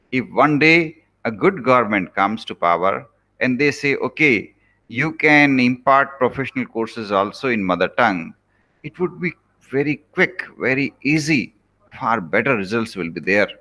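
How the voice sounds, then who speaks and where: An earnest Indian professor, whose first language is Rajasthani, lectures students in English in a recorded class. His bright voice swings up and down in pitch, and he pleads with his listeners, repeating key phrases to urge his points home.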